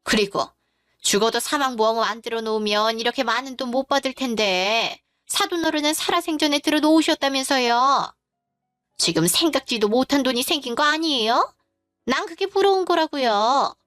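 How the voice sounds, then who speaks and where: A woman's voice: high-pitched, lively intonation, moderate pace, fairly bright tone, dry recording, clean studio sound, faint music behind. A woman voicing a rude, scornful middle-aged mother-in-law who talks in a blunt, dismissive way in a dramatized story.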